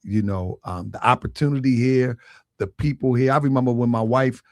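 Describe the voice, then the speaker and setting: A middle-aged man talking as a guest in a casual conversation, telling stories in a relaxed way and laughing easily. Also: medium pitch, moderate pace, dry recording.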